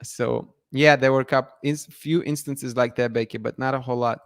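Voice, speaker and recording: A man from Russia hosts a channel and chats loosely on a live stream, answering viewer comments amid frequent restarts and laughs. He speaks at normal speed in a steady, mid-range voice, and the studio-quality recording has no echo.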